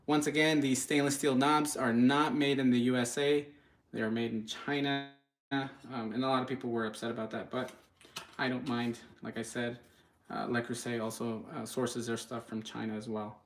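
With a level tone and moderate pace, a man in a mid-range register gives laid-back live product commentary in his home kitchen. He's the channel's host and reviewer, speaking straight to viewers in a loose, slightly unsure manner.

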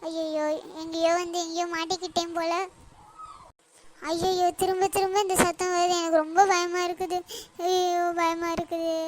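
A woman's voice: very high-pitched, slight background noise. A woman voicing a panicky, fretful middle-aged mother in a cartoon, wailing and scolding sharply. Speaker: cartoon character.

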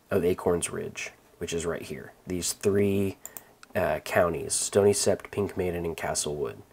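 A man hosting a let's-play, calmly talking through his moves with many ums and restarts. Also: low voice, slight background noise. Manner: relaxed, rambling, many fillers and restarts. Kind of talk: casual gameplay commentary.

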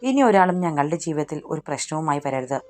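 A woman's voice: deep voice, animated, quick pace, darkish tone, faint music behind. A woman voicing a young husband and father who speaks firmly and earnestly in a storybook reading. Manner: firm, earnest.

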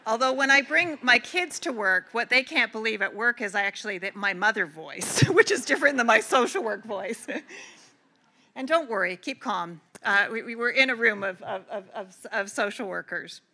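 Bright-voiced middle-aged woman giving a keynote. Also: a little high, expressive, normal speed. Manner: earnest, conversational with frequent restarts. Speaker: keynote speaker. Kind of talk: conference keynote address. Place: large convention hall.

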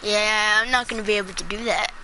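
A young gamer chatting with a teammate during a match, getting excited and yelling when in danger. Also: female voice, mid-range voice, fairly quick. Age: child. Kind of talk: casual gaming chat. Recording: noisy game audio behind.

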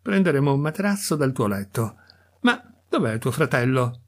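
A jovial old country priest with a big, slow, booming voice, as a male reader puts him on. He scolds and jokes in a husky tone at an ordinary middle pitch. This is a storybook reading voice. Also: big pitch swings. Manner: loud, jovial and booming, speaking slowly and deliberately. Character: hearty boisterous old male country priest, the narrator's uncle.

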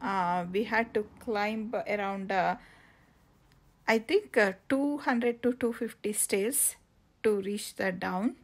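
Slow, halting woman vlogger. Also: mid-range voice. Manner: slow, halting with many fillers and restarts. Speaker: travel vlogger. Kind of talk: casual travel vlog narration. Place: outdoors on coastal cliffs.

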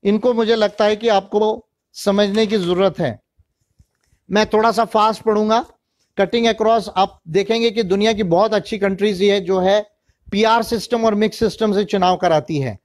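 A man speaks in a fairly high register, explaining his point in a steady lecture style. He slips English phrases into his talk and reads long lists out one by one. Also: normal speed. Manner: mixes English phrases into Hindi. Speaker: speaker on electoral reform.

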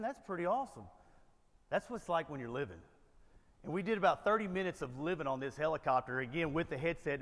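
An American keynote speaker and military veteran tells stories to motivate a seated ballroom audience, keeping it conversational and constantly adding "right?" to check in. His voice is a little high and fairly bright, and the hall's long reverb makes it echoey.

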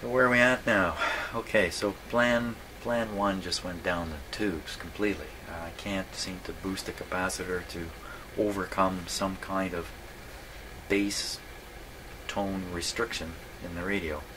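In a clear recording with background workshop noise, a low-pitched man keeps a steady tone and a measured pace. He's a radio repair hobbyist and host narrating his repairs in an indoor electronics workshop, casually thinking aloud, musing and wryly self-deprecating.

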